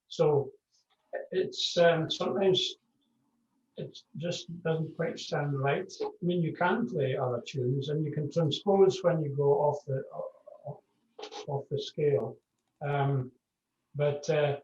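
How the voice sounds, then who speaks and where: A Scottish man answers an interviewer's questions, relaxed and explanatory, often repeating words as he thinks. He sounds set back from the mic on a dull, lo-fi line. Echo from the room hangs on his voice. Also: a little high, takes it slowly. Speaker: piper. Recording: distant, dull, echoey call audio.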